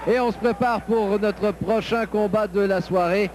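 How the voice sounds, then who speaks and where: A man's voice: sits high, fairly even intonation, a little slow. A man hosting a live boxing broadcast and calling the fight as play-by-play commentator. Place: ringside in an indoor arena. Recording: loud arena crowd and noise.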